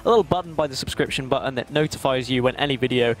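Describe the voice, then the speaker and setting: A man hosts an esports broadcast with quick, informal chat. He keeps things light and jokey in a medium-pitched voice. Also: slight background noise. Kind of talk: casual chatty broadcast hosting.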